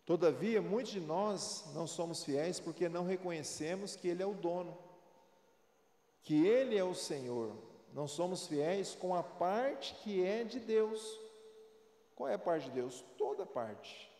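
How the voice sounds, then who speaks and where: A man's voice: sits high, lively intonation, measured pace, dark tone. A man in his forties, a pastor giving a sermon in a conversational, storytelling way. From Brazil. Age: 40s. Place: large church hall. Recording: echoey, reverberant church hall.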